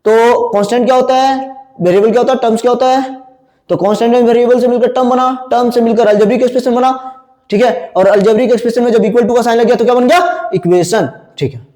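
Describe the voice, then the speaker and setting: A man teaching a math class, firing quick questions at his students and answering them himself. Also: very high-pitched, fairly even intonation, mellow. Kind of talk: classroom lecture. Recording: echoey room with long reverb.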